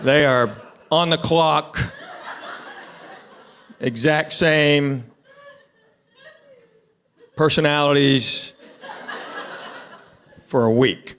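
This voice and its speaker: Middle-aged male comic, slightly high voice. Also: fairly even intonation, very slow, pauses often, fairly bright tone, a little hiss or hum. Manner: conversational storytelling with acted-out dialogue. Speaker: stand-up comedian. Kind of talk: stand-up comedy.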